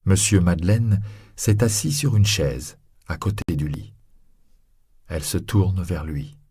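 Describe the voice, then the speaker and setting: A man narrating a story for listeners in a slow, expressive way. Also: sits low, a little hiss or hum.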